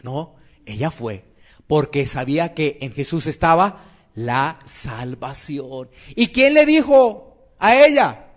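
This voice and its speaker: A man preaching a sermon, asking rhetorical questions and swinging between emphatic and quiet phrases. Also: on the high side, big pitch swings, slow. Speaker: pastor.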